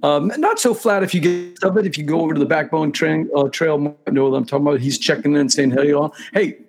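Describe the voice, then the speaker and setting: A man's voice: fairly high pitch, fast, music in the background. A man hosting a live talk show in a chatty, casual style, speaking straight to his viewers.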